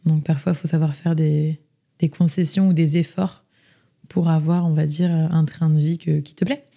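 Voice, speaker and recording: A young woman speaks low and flat at a normal speed, her dark-toned voice carrying vocal fry. She's the guest on a casual podcast interview, telling her story chattily with many fillers and restarts.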